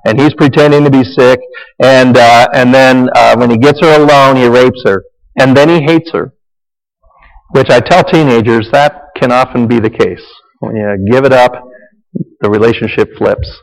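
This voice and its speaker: A man's voice: mid-range voice, fairly even intonation, normal speed, vocal fry. A man preaching a Bible lesson in a conversational, repetitive way, with offhand asides. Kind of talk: sermon-style teaching. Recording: echoey hall reverb.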